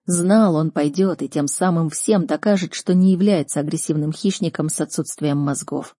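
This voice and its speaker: A woman reading a first-person fantasy story aloud in an expressive, dramatic audiobook style. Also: sits low, moderate pace, no room sound, studio quality. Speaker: narrator.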